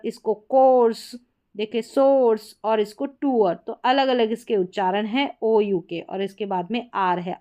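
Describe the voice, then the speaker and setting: A woman teaching English pronunciation in a lesson, explaining spelling rules and reading example words aloud slowly. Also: a little high. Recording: dull, lo-fi sound.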